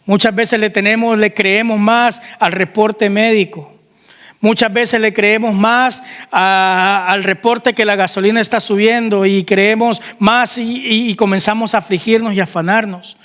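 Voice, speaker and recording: A man's voice: high voice, fairly even intonation, measured pace, a bit bright, big-room sound. A man preaching a sermon as pastor, asking the congregation questions and calling out amen. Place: church hall.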